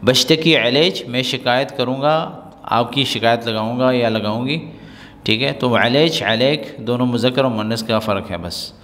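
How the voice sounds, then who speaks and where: A man teaching colloquial Arabic phrases, explaining in Urdu and repeating each phrase slowly for learners to copy. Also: mid-range voice, a bit bright, in a large hall, slight background noise.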